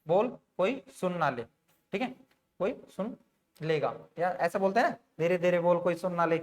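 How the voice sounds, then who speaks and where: A man teaching an online grammar lesson, explaining step by step and often putting questions to his students, with frequent fillers. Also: high-pitched. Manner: sprinkles fillers like "theek hai" and "bhai".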